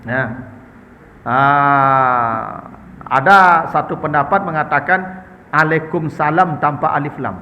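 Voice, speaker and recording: A man's voice: fairly high pitch, slow, pauses often, pushed and bright, long reverb tail, dull audio, slight background noise. A man with a Minangkabau accent preaching in a chatty, humorous way, often addressing his listeners as sir and ma'am. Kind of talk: conversational Islamic study talk answering questions.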